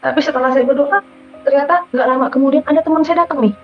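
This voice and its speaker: A woman's voice: high voice, quick pace. Madurese-accented woman giving an emotional testimony. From Madura, Indonesia. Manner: emotional, addresses listeners as "Saudara". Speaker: testimony giver. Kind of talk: personal testimony. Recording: dull lo-fi audio with faint music.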